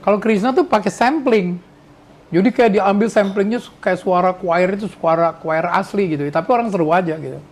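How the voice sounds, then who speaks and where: Man in his sixties, high voice, rambling. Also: a little fast, darkish tone. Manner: rambling, reminiscing with restarts. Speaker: podcast host. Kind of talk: casual chat.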